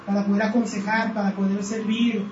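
Earnest male preacher, rhetorical questions, slow measured scripture reading; roomy, lo-fi recording with faint background noise. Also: high-pitched, level tone, darkish tone. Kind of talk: sermon. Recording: roomy, distant, dull sound with faint background.

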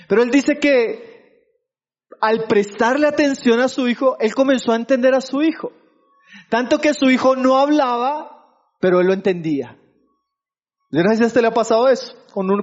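High-voiced male preacher, lo-fi. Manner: keeps asking the congregation for agreement; addresses listeners as brothers. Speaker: pastor. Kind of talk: sermon.

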